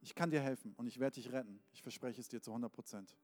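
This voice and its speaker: Man voicing an unseen rescuer: calm, solemn, firm, with a reverberant hall. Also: medium pitch, fast talker, voice pushed down, natural voice. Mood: reassuring. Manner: steady, solemn, promising. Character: calm, reassuring rescuer voice from above. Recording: long hall reverb, faint band music.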